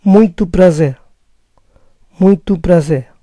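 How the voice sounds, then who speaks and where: A man teaching phrases in a slow vocabulary drill, saying each phrase twice. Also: high voice, mellow, dry recording. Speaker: language teacher.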